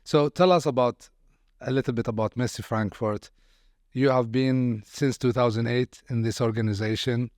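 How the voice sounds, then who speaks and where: A man's voice: medium pitch, fairly even intonation, normal speed, dry recording. Man hosting a podcast, dry close sound. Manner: warm, welcoming, hesitant restarts. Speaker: podcast host. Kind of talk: podcast interview.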